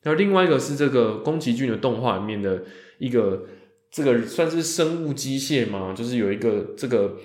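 With an expressive, darkish mid-range voice, this man hosts a podcast solo, talking in a chatty, casual way. He tends to stretch the sounds at the ends of his phrases, and there's a roomy echo.

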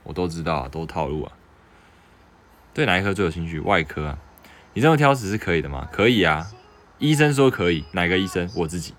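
A young man with a Taiwanese Mandarin accent hosts a relaxed livestream. He reads viewer questions aloud and answers them in a joking, offhand way. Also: low voice, brisk. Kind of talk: casual livestream chat.

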